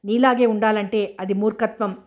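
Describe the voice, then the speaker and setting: Defiant young widow, furious outburst, even delivery; a woman narrator does the line. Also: medium pitch, moderate pace, lightly acted. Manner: angry, accusing outburst. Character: young widowed woman defying her harsh father.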